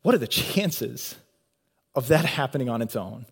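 A man preaching a sermon, earnest and unhurried, pausing for emphasis and posing rhetorical questions. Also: mid-range voice, animated, creaky, breathy edge. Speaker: pastor.

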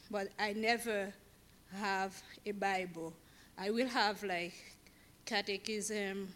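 A woman from Haiti, sharing a personal testimony in church in a halting way, searching for words. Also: on the low side, fairly bright tone, a little hiss or hum. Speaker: church member giving testimony. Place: church sanctuary.

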